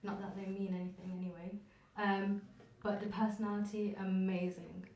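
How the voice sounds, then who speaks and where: A woman's voice: medium pitch, level tone, moderate pace, darkish tone, slight background noise. A woman in casual radio conversation, reflecting earnestly and personally. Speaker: radio show guest. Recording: roomy, distant from mic.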